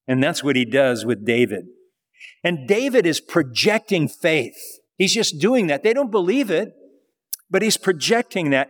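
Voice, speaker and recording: Male pastor, conversational sermon, voice a little high, long reverb. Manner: conversational preaching, rhetorical questions.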